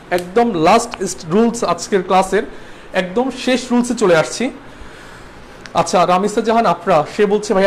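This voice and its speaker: A man's voice: sits high, a little hiss or hum. A young man from Bangladesh teaching an online English exam-prep class, repeating rules and checking that students follow. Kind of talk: livestreamed exam-prep lesson.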